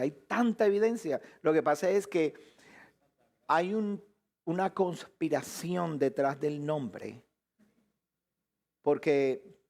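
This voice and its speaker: A man teaching a live sermon, firing rhetorical questions at his listeners. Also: fairly high pitch. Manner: animated, asks the audience many rhetorical questions. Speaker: preacher.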